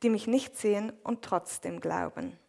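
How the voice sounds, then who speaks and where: A woman reading a Bible passage aloud in a measured, even way, then interpreting a sermon line by line. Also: medium pitch, creaky. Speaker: scripture reader and interpreter.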